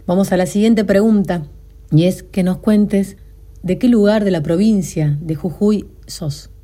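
A woman's voice: mid-range voice, measured pace, warm tone. A woman hosting an interview, speaking with effusive admiration before asking her next question. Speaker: interview host. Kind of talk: interview host remarks.

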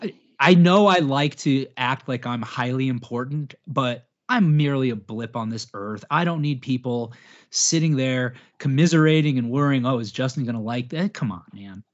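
A man in his thirties hosting a podcast in casual chat, rambling and self-mocking, often speeding up as he gets animated. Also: medium pitch, moderate pace. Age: 30s. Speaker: podcast host. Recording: dull lo-fi podcast audio.

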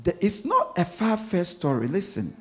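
A Ghanaian-accented man preaches from the pulpit, his voice pitched a little high and rising and falling widely. He repeats his points, drops to near-hushed asides and then pushes hard on the words he wants to land. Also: wildly swooping pitch, normal speed. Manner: preaching with repetition, swinging from hushed asides to loud emphasis. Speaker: pastor. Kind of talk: sermon.

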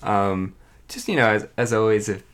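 A man's voice: fairly low pitch, lively intonation, moderate pace, smooth. A man co-hosting a podcast in easygoing, rambling casual chat. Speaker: podcast co-host.

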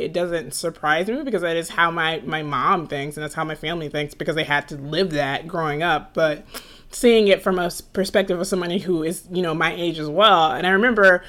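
A woman's voice: lowish voice, a bit bright. A young woman from Atlanta hosting a podcast, talking in a rambling casual way with restarts. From Atlanta, USA. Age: young adult. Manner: rambling, frequent restarts and laughs. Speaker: podcast host. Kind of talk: casual conversation.

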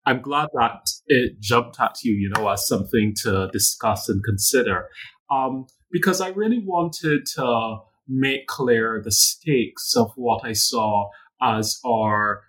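A man from Barbados, a guest author answering interview questions in a measured, thoughtful way with some fillers. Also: lowish voice, fairly bright tone, slightly rough, rough recording. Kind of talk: academic interview.

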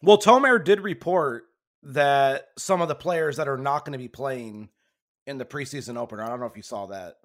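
A man's voice: mid-range voice, normal speed, fairly bright tone. A man hosting a casual sports podcast, talking in a rambling, self-correcting way while losing his voice. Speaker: podcast host.

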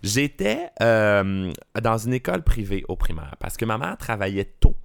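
A man's voice: on the low side, moderate pace, creaky, smooth. A man with a Quebec French accent, a drag performer guest, telling stories in a casual, teasing chat. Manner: animated, storytelling, teasing.

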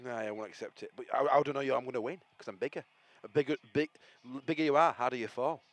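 A man from Bradford with a Bradford accent, co-hosting casual, jokey football banter in excitable, blunt northern slang. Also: medium pitch, quick pace, rough recording. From Bradford, England. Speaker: co-host of a football fan podcast. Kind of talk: casual banter and live match reaction.

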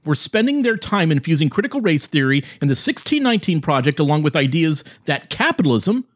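Male opinion host, accusing and indignant, slightly high husky voice. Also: very animated. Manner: indignant, accusing, slows to punctuate. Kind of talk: opinion commentary.

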